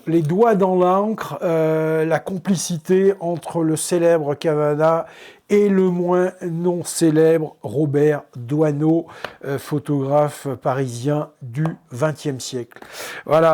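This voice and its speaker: A photographer presenting his photo books in a casual show-and-tell, hesitant, with many fillers and restarts, often trailing off softly. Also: on the high side. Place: indoors at his book shelves.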